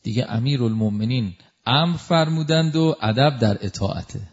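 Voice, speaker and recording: A man preaching a devotional sermon through a story, emotive, swinging from loud exclamations to hushed asides. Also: mid-range voice, animated, highs cut off.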